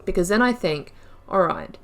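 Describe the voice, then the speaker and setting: Speaking at a moderate pace with a medium, animated voice, this woman comments on a video game as she plays it for her channel. Her let's-play talk wanders, she fixes sentences halfway through, and she keeps slipping in slangy, offhand remarks.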